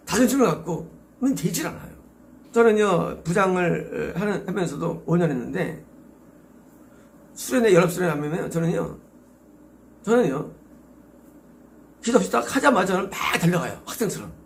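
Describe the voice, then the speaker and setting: Korean-accented male pastor, middle-aged, gravelly high voice, emphatic sermon delivery. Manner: emphatic, exhorting with rhetorical questions.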